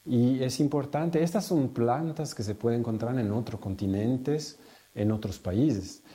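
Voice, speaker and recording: A man from Italy, a researcher, explaining his work hesitantly, pausing often and searching for words. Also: medium pitch, warm tone. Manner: hesitant, many fillers and restarts, searching for words. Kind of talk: explanatory talk.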